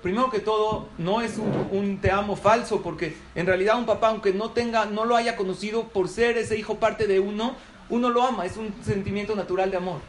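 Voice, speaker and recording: A man's voice: sits high, steady tone, fairly quick. A man giving a humorous lecture to a live audience, often asking them questions. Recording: echoey hall from far off, noisy.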